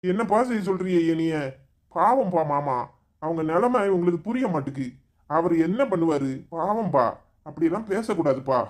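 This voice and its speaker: Guy doing a soft-spoken young husband, tirunelveli tamil, highish, begs his mom to calm down. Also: moderate pace, natural voice. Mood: pleading. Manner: pleading, gentle. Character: mild young husband, peacemaking son.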